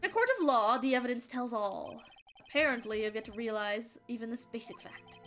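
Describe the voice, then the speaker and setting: A woman's voice: a little high, brisk, a bit bright, soft background music. A woman doing a haughty older prosecutor. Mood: scornful. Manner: haughty, clipped and scornful. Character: arrogant older male prosecutor, condescending.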